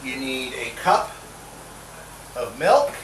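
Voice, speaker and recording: A middle-aged man, very animated but speaking at a slow pace in a mid-range voice, hosts a casual show from his home kitchen. He keeps up a jokey running chat with himself as he cooks. The sound is roomy, from a distant mic, with background noise coming through clearly.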